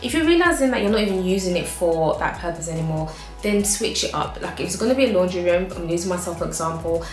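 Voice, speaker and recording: A woman's voice: fairly low pitch, lively intonation, quick pace, reverberant, faint music behind. A woman with an African accent giving frank, chatty home decor advice in a casual vlog, laughing often.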